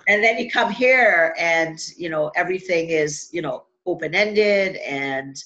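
A woman's voice: fairly low pitch, takes it slowly, a bit bright, highs cut off. Chatty woman hosting an interview. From Trinidad and Tobago. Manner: chatty, many fillers and restarts. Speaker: podcast host. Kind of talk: casual interview chat.

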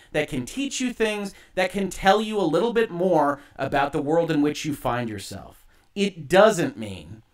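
A man hosting an online show, giving emphatic, argumentative opinion commentary in deliberate phrases, with echo on his livestream audio. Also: fairly high pitch.

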